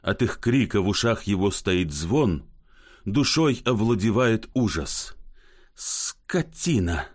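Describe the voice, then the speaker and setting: A man narrating a classic story as an audiobook, in a measured, expressive manner. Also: on the low side.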